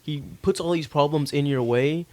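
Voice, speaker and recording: A man's voice: a little high, normal speed, darkish tone. A young man hosting a casual podcast chat, thinking aloud with lots of fillers and restarts. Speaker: podcast host.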